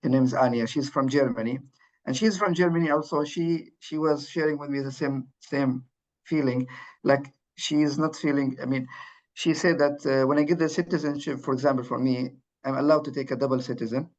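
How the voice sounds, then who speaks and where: A man speaking as a podcast guest, halting, with many fillers and restarts. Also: mid-range voice, fairly even intonation. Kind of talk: conversational panel talk. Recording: dull lo-fi sound.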